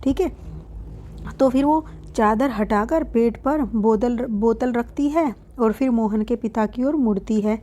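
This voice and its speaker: A woman's voice: a little high, measured pace, warm tone. A woman teacher reading a lesson aloud and explaining it line by line in simple words, calling her students "beta". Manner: reads lines aloud, then explains each in simple words.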